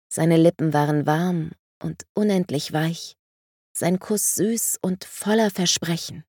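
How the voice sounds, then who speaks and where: Low-voiced woman reading an audiobook. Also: dark tone, breathy edge, no echo, clean studio sound. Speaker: audiobook narrator.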